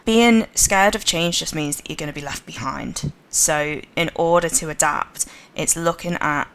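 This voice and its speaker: Low, gravelly Scouse woman. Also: a bit bright. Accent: Liverpool. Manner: confident, emphatic, quick to laugh. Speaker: podcast guest, sustainability lead. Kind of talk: casual podcast interview.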